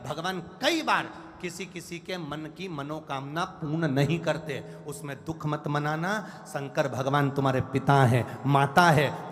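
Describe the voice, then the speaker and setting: A man from Madhya Pradesh, India, delivering a devotional sermon at a large live gathering, with emotional, dramatic storytelling and repeated invocations. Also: on the high side. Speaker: preacher of religious discourse. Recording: reverberant hall with music.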